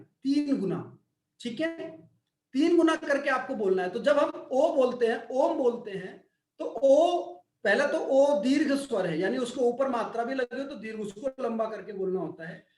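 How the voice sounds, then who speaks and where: A man's voice: very high-pitched, expressive, moderate pace, roomy sound. A man who is a yoga and wellness expert answering questions in an online Q&A, explaining patiently like a teacher and checking that listeners follow.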